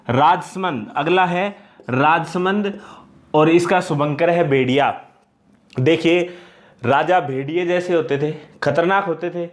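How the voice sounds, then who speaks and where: A man teaching an exam-prep lesson, repeating points and asking questions he answers himself. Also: a little high. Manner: repetitive, explains by asking and answering itself.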